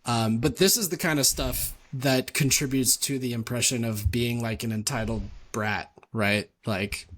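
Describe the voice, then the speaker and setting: A man's voice: mid-range voice, steady tone, moderate pace, hardly any pauses, a bit bright. A man co-hosting a casual sports podcast, talking in a thoughtful way that hedges with fillers. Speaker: podcast co-host. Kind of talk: casual chat.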